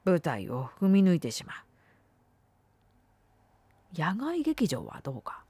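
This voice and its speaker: A woman reading a literary essay aloud, dramatic, swinging between firm declarations and hushed whispers. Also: fairly low pitch, huge pitch swings, takes it slowly, breathy edge, no echo. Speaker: reader.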